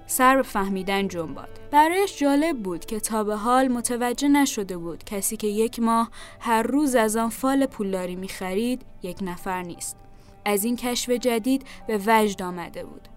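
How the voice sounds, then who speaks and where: A woman with a fairly high voice reads a literary story aloud, calm and even. Soft music plays quietly underneath her narration.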